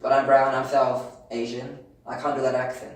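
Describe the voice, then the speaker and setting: A British man with a mid-pitched voice co-hosts a casual podcast debate, circling back and repeating himself as he argues. He is heard from a distance in a very echoing room with a faint hum behind. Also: flat delivery, normal speed. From Britain. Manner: rambling, argumentative, repeats himself. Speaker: podcast co-host. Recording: very echoey room, distant mic.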